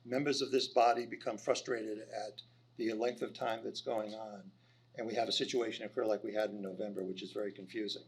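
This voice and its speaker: Gravelly, firm man chairing a council. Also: fairly low pitch, level tone, fairly quick. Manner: firm and formal, asserts procedural control. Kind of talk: formal meeting procedure. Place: city council chamber.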